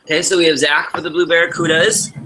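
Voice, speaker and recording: Casual game show host: a man with a Wisconsin accent, slightly high, very bright tone, chatty and rambling. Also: little pitch movement, quick pace, slight background noise, rough recording. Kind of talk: hosting a livestreamed game show.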